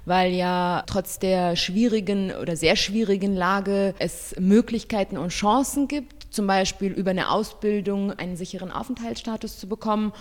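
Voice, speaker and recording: A woman's voice: mid-range voice, normal speed, hardly any pauses. Brief: female social worker, earnest hopeful interview clip, long room reverb. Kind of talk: interview soundbite.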